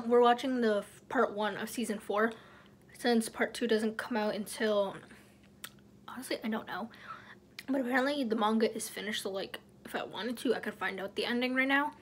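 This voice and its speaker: A woman's voice: a little high, a little hiss or hum. Chatty young woman vlogging at home. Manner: chatty, rambling, drops into whispers. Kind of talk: casual vlog chat.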